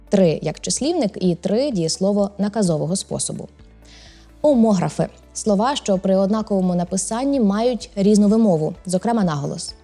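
A woman presenting a language program, reading scripted educational narration in a clear, measured way. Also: medium pitch, mellow. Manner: clear, measured explanatory delivery.

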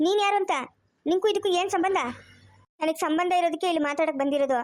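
A woman's voice: very high voice, fast talker, no room sound, clean studio sound. A woman, playing a furious wife who scolds and insults in an amateur family drama. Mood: scolding.

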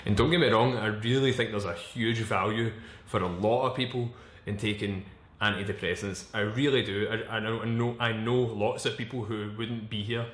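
A man in his twenties speaking candidly in a personal vlog, halting and searching for words, with frequent restarts and blunt swearing. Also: on the low side, a bit bright. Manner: frank and swearing. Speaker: vlogger. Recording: echoey room.

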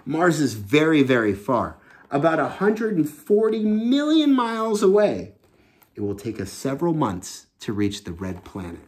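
A man in his thirties, a children's storytime teacher and host, reads a kids' book aloud in a small room at home, explaining it simply and expressively. His voice sits on the high side, animated and a little mellow, at a normal speed.

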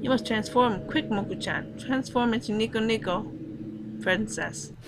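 A woman's voice: a little high, a little slow, heavy background noise. A woman voicing a cute little creature who speaks as a grave, portentous ancient demon lord, read from a visual novel. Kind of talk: reading a visual novel aloud.

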